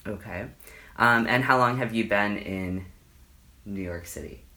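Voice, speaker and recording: A man with a very low voice and a bright, forceful edge, conducting an oral history interview. He asks his questions softly and tentatively. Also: a little slow. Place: interviewee's apartment.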